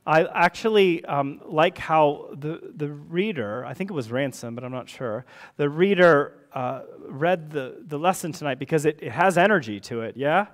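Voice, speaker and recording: A man's voice: fairly high pitch, lively intonation, normal speed. A man, the church's rector, preaching a sermon in a church service in a conversational way, often checking in with the listeners. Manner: conversational, checks in with tag questions.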